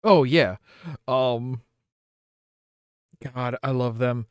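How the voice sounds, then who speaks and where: A man's voice: mid-range voice, very slow, clean tone, no room sound, clean studio sound. A man co-hosting a casual anime podcast, leading the talk with playful asides and frequent laughter. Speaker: podcast co-host leading the episode discussion.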